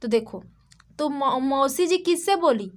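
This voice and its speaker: A young Indian woman teaching a class of small children, spelling out sounds slowly and repeating each word. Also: high voice, expressive.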